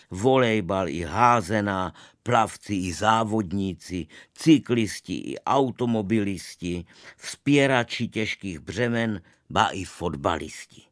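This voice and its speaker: A man reading a storybook tale aloud, expressive, swinging between loud outbursts and soft asides. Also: low voice, no room sound, clean studio sound. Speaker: narrator.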